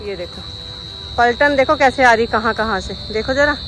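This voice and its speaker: A woman's voice: on the high side, moderate pace, noisy background. A woman chatting casually as a vlogger on an outdoor walk, talking sweetly to her dogs now and then. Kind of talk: casual vlog chat.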